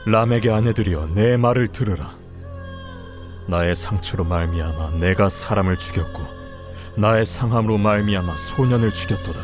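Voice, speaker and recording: A man's voice: fairly low pitch, normal speed, lightly acted. A man reading as a boastful ancient patriarch. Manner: solemn declaiming. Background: background music.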